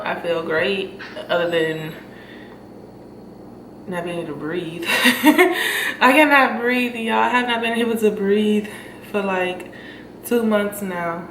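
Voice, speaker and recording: Talking to camera in a loose, chatty way, this young female vlogger has a lowish, slightly bright voice and keeps dropping in fillers and laughs. Her nose is blocked and she's a bit out of breath, recorded from afar in a noisy room with echo.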